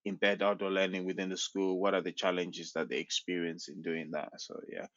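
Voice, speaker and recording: A man's voice: deep voice, flat delivery, normal speed, a bit bright, no room sound. A young man, a researcher being interviewed on a podcast, explaining his work in a hesitant way with many restarts. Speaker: PhD researcher guest. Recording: dull, dry sound.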